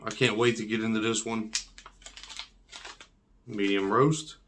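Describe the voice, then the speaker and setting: A man's voice: lowish voice, steady tone, measured pace, fairly bright tone. Male vlogger, thirties, whistling s, loose slangy unboxing delivery that doubles back on phrases, noisy recording with clicks. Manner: slangy, repeats himself. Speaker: coffee review vlogger. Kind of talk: casual unboxing chat. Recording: clear background noise and clicks.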